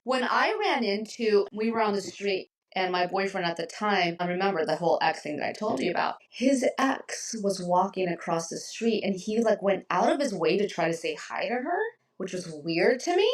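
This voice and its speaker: A woman's voice: mid-range voice, animated, moderate pace, far from the mic, poor audio. A woman co-hosting a talk show in casual chat, reflective and supportive. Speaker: co-host.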